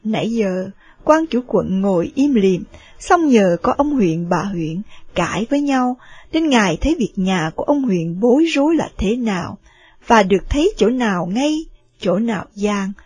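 A woman narrating a story in a steady, expressive reading. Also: mid-range voice, moderate pace, breathy edge, no echo.

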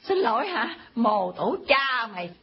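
An actress playing a cantankerous old grandmother who scolds and insults, with a husky voice. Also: fairly high pitch, sing-song, measured pace, heavily acted. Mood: scolding. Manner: scolding, insulting, mock-sweet. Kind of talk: comedy skit acting. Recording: dull lo-fi recording.

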